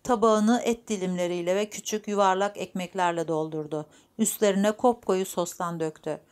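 A woman narrates a novel in a steady, measured way. Her voice sits at an ordinary middle pitch. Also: smooth. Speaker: audiobook narrator. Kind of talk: scripted narration.

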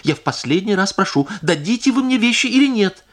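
A man's voice: a little high, expressive, moderate pace, pitched above the performer's own voice. A male audiobook reader voicing a distraught, indignant noblewoman who pleads and accuses by turns. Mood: bitter. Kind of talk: audiobook character reading.

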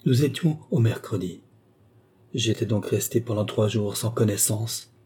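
A frightened young woman pours out her tale with urgent, dramatic dread. A man reads her in a low, husky voice with a mellow, dark tone. It sounds like a storybook audiobook. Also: measured pace. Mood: haunted. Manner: urgent, dramatic first-person telling. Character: distraught young woman recounting a dark abduction.

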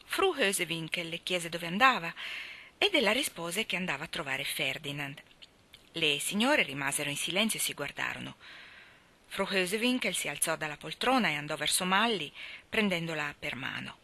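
A woman reading a literary novel aloud, measured and expressive, who drops to a near-whisper at quiet moments. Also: low voice. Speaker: reader.

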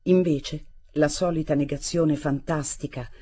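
A woman reading a literary novel aloud as an audiobook, in measured, expressive storytelling. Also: low-pitched, husky. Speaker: audiobook reader.

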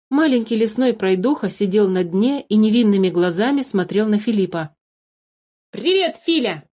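A woman narrating a children's fairy-tale story in an expressive reading voice. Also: medium pitch.

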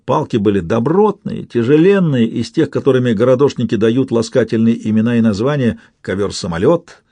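A man narrating a literary audiobook in a steady, expressive storytelling manner. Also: medium pitch, a little fast, no room sound.

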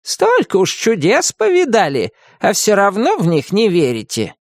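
A man's voice: high-pitched, huge pitch swings, moderate pace, dry recording, studio quality, voice pushed up, full character voice. A man voicing a wry, strict ghost grandmother, over sixty, in a storybook reading. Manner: wry, stern, schoolmarmish.

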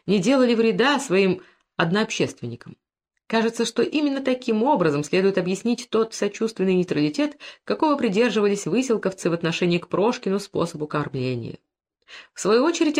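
Woman, audiobook reader, measured literary narration, medium pitch. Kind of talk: scripted narration of classic prose.

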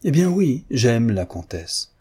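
An impetuous, vain chevalier, read by a man in a low, dark and husky voice. He speaks with assured impatience, a proud nobleman in an old-style storybook reading. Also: normal speed. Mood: impatient.

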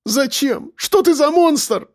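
A man voicing a frightened young woman who pleads with her captor, high and strained, tearful. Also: animated, moderate pace, a little mellow, dry recording, studio quality. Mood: desperate. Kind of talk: audiobook character voice.

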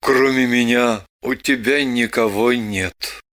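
Woman doing a glum reserved man, low subdued voice, terse, evasive answers. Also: fairly even intonation, slow. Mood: somber. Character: gloomy, reserved man at a hospital bedside.

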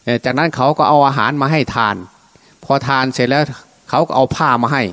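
A man's voice: medium pitch, steady tone, brisk, fairly bright tone. A man preaching as a Buddhist monk, telling a scripture story in colloquial, unscripted speech and voicing the dialogue himself. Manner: colloquial, acts out dialogue in his own voice. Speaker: Buddhist monk giving a Dhamma talk.

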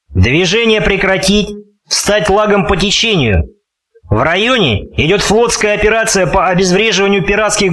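A man voicing a calm, middle-aged male ship captain giving clipped orders in an audiobook. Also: high-pitched. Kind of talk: audiobook character voice.

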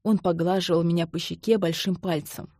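A woman narrating a novel in the first person, in a measured, intimate storytelling manner. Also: lowish voice, fairly even intonation, dark tone, no room sound, clean studio sound. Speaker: audiobook narrator.

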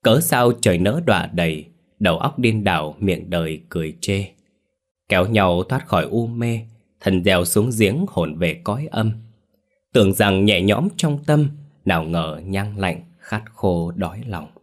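A man voicing a drowned orphan ghost boy who recites verse slowly and mournfully. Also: low-pitched, lively intonation.

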